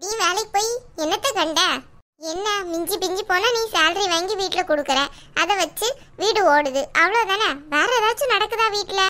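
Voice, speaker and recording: A woman's voice: extremely high pitch, moderate pace, pushed and bright. A woman voicing a worried young married village woman in a cartoon, pleading and scolding her sister. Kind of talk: cartoon dialogue.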